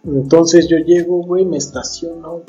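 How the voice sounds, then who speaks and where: A man's voice: a little high, steady tone, normal speed, warm tone. A young man with a Mexican accent telling stories in a casual, slangy podcast chat, swearing freely and emphatically. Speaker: podcast host. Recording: dull sound, music behind.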